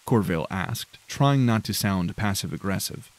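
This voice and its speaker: Low-voiced man narrating a dark tale. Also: normal speed. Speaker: audiobook narrator. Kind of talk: scripted narration of a dark fantasy audiobook.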